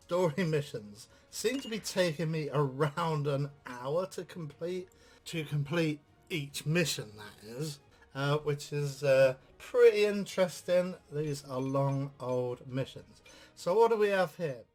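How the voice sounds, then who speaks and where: A man giving casual let's-play commentary on a game, rambling with lots of filler sounds. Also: medium pitch. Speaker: game reviewer.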